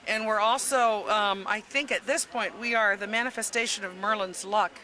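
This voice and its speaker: A woman's voice: mid-range voice, fairly even intonation, normal speed, pushed and bright. A woman in her fifties from the United States, answering an outdoor street interview into a handheld mic, rambling and thoughtful, searching for words. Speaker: interviewee, traveler on the bus. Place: outdoors at a busy public event. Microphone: handheld mic held by interviewer. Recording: crowd noise behind.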